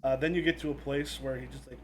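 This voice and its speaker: A man narrating an improvised tabletop role-playing game as game master, in a halting, informal way. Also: mid-range voice, steady tone. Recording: noisy room recording.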